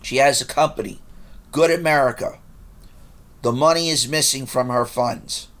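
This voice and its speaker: A man with a voice of ordinary pitch records a rambling monologue straight to camera. He sounds agitated and accusatory, turning to address people directly as he goes. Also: moderate pace, a bit bright. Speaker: vlogger.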